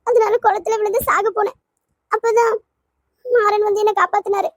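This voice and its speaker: A woman's voice: very high-pitched, level tone, moderate pace, slight background noise. Tearful heartbroken young woman. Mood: sad pleading. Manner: pleading, sobbing softly. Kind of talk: cartoon voice acting.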